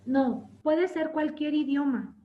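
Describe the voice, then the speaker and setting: A woman teaching a church Bible class. She keeps checking in with her listeners and tells stories with lively acted-out quotes. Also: sits high, slow pace. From Latin America. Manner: asks "¿sí?" to check understanding. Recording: dull lo-fi sound.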